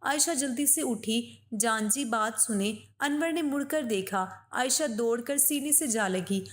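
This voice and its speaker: Female storyteller, slightly high voice, steady emotional narration. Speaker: voice-over narrator.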